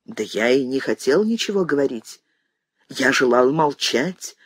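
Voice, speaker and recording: A woman reader lowers her voice for a weary, anguished grown son in an audiobook, pleading and bitterly accusing. The voice is husky with lively pitch. It sounds close and dry. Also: measured pace, no echo, exaggerated voice. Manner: pleading, restrained, then bitter.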